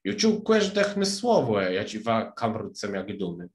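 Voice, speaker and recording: A man reading as a drowsy little dormouse, hoarse and weak, drawn-out slow delivery, voice ringing in a roomy space. A storybook creature who can barely stay awake. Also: fairly low pitch, sing-song. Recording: roomy echo.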